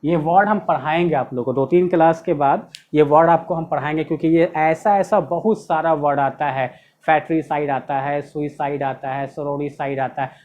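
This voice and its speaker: A man's voice: fairly high pitch, steady tone, normal speed, a little mellow. Guy teaching grammar, keeps asking if you got it, leans hard on the key words. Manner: explains step by step, asks rhetorical questions, stresses key words. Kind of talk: classroom grammar lesson in Hindi.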